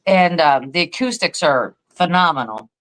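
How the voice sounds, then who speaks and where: A woman's voice: sits low, moderate pace, low-quality recording. Tired woman telling a rambling story. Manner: rambling, animated storytelling with many fillers. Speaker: podcast co-host and paranormal investigator. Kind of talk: casual chat.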